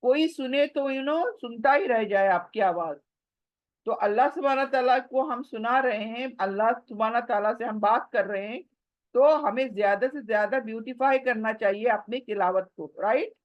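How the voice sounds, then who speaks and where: A woman teaching Quran recitation rules in a patient, repeating manner, drawing out the verses in slow chanted recitation between explanations. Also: a little high, no room sound, dull audio. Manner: patient, repeats and asks the listener questions. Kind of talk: tajweed lesson mixing Hindi and English.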